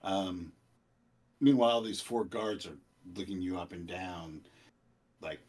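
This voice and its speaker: Slow, low, husky male game master. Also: a little mellow. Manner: halting, searching for words. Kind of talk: improvised tabletop game narration.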